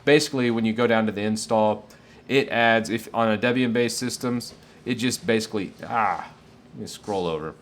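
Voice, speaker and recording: A man's voice: on the low side, moderate pace. A man casually answering viewer questions on a live tech stream, enthusiastic and rambling with fillers.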